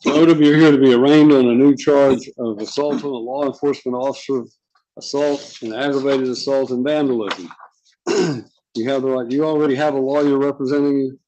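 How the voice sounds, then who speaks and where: A male judge with a mellow, medium-pitched voice works through court business in a formal, measured way. He sounds procedural and sometimes pauses to find his words. The courtroom audio is a little dull. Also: fairly even intonation. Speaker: judge presiding over a court docket. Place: indoor courtroom.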